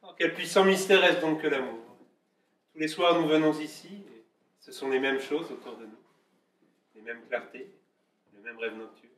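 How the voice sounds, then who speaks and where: Male actor as a fretful romantic lover, stuttering, over-the-top pleading, a touch high, echoey room, distant mic. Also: moderate pace, pauses often, fairly bright tone, natural voice. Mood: adoring. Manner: stammering, effusive, pleading. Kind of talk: stage comedy acting. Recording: echoey room from far off, faint hiss.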